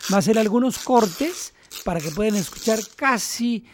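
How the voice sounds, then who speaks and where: A radio host introducing a recorded album in a relaxed, conversational way. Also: mid-range voice, normal speed, noisy background.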